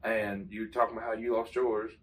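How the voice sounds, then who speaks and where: A man's voice: fairly low pitch, level tone, fast talker, recorded from a distance. A man hosting a casual podcast chat, joking and laughing as he acts out family talk. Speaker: podcast host.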